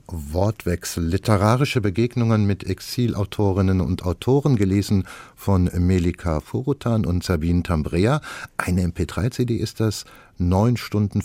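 A man hosting a radio book-review show in a studio, moderating in a measured, formal way. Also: low voice, mellow, dry recording. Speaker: radio culture show host.

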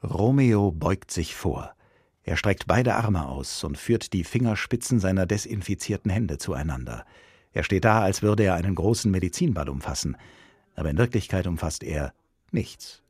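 A husky man with a low voice reads a comic sketch with lively, theatrical swings of pitch. The studio sound is dry and close. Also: moderate pace, dry recording. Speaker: radio satire narrator. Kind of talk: scripted comic reading with acted voices.

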